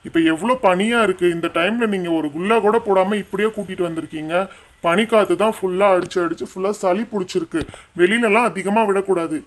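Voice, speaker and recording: A woman voicing an adult doctor doll who briskly lectures a parent in a doll show. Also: mid-range voice, voice pushed down, lightly acted. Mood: stern. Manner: brisk, scolding advice.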